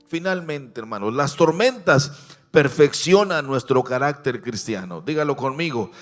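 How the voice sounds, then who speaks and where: A man preaches a sermon in a church, his voice at a middle pitch for a man. He presses key lines hard, then drops to hushed, intimate appeals. Faint music plays underneath. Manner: preaching with rising emphasis, then soft near-whispered appeals. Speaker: pastor.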